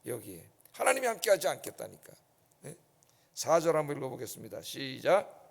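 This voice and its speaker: A man's voice: fairly high pitch, big pitch swings, fairly quick, gravelly, breathy edge. A male pastor preaching an early-morning sermon, emphatic and often checking in with the congregation. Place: church sanctuary. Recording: long church reverb.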